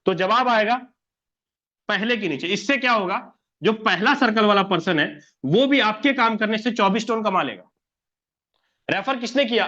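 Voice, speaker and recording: A man's voice: sits high, sharp tone, dull audio. A man explaining a plan step by step on a whiteboard, repeating himself and answering his own questions. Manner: repetitive, asks and answers his own questions, addresses viewer as sir. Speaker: presenter explaining an income plan.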